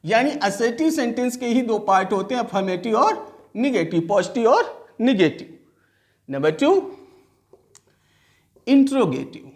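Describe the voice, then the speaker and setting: A male teacher gives a classroom-style grammar lesson. His pitch rises and falls animatedly, and he slows down to stretch out key terms. He keeps putting questions to the class and then answering them himself. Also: big pitch swings. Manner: explains step by step, poses and answers his own questions. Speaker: English teacher.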